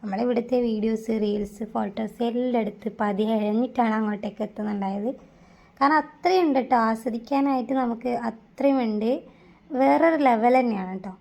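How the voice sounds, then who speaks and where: A woman's voice: fairly high pitch, fairly quick, vocal fry, mellow. A woman with a Malayali accent narrating a casual vlog, mixing English words into her speech. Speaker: vlogger narrating a hill trek.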